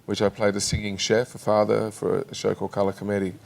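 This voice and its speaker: A man talks as a guest on a TV studio couch. His voice has a gravelly, creaky edge. He tells his stories in a chatty, halting way, often restarting his sentences. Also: lowish voice, completely flat delivery, a little mellow. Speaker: singer and actor guest. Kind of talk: casual interview chat. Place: television studio.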